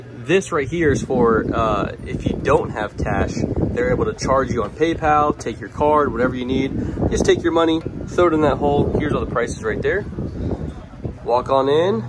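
Holding his camera close, a young Louisiana man vlogs a casual walkthrough that begins at a waterside dock and moves into a small shop. Addressing viewers directly, he's upbeat, with a medium-pitched voice over a noisy background.

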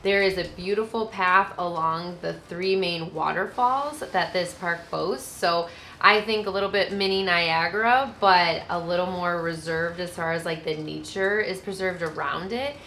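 A woman in her thirties chatting casually as a travel vlogger, seated outdoors beside a camper with a relaxed, friendly manner. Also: lowish voice, measured pace, slight background noise. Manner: relaxed, friendly, with easy laughs.

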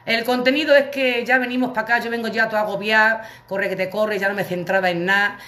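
Bright-voiced woman telling a story. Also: mid-range voice, steady tone, fast talker. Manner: chatty, colloquial, comic anecdote with acted quotes. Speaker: livestream host. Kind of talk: casual storytelling to viewers. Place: her living room.

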